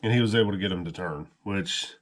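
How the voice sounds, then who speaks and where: A deep-voiced man talks fast and easily, narrating a hunting vlog on an action camera out in a rural field. He's chatty and relaxed, explaining things as he goes, with no room sound on the recording.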